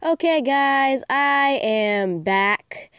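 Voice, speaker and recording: A woman's voice: sits high, lively intonation, very slow, no room sound, dull audio. Hyper, rambling teen girl gamer. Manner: rambling, filler-heavy chatter with lots of "like"; hyper and giggly. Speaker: gaming channel host. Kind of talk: casual let's-play commentary. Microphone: phone screen recording mic.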